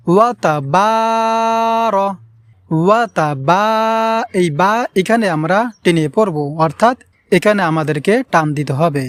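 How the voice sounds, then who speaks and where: A man's voice: high-pitched, dry recording. A man teaching careful pronunciation of an Arabic prayer, patiently repeating words and stretching out the long vowels for learners. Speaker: Quran recitation teacher. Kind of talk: slow pronunciation lesson with drawn-out Arabic recitation.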